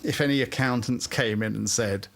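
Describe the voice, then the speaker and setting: A man's voice: mid-range voice, moderate pace, creaky, fairly bright tone. A man interviewed for a documentary, telling an anecdote and quoting a catchphrase.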